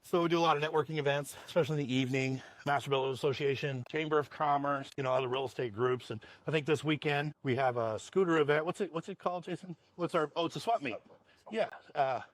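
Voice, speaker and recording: A fast-talking man whose voice sits on the high side owns a roofing company in Washington state. During an interview he answers casually and rambles, frequently chuckling and saying words twice.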